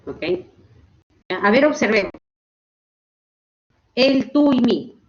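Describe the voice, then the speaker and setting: A woman teaching a grammar lesson online, explaining slowly and checking in with her students. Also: on the high side, expressive, lo-fi sound. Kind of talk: online class lecture.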